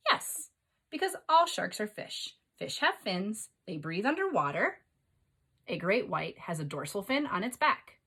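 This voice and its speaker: A woman teacher reads aloud to young children and explains as she goes, guiding them with questions and prompts in an expressive lesson. Her mid-range voice swings widely in pitch and is a little slow, pushed, bright and husky.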